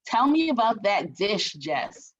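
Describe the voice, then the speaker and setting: A workshop facilitator from Barbados leads an online group session in a mid-range, sing-song voice at a slow pace, chatty and encouraging as she reads the chat aloud. Her video call audio sounds muffled.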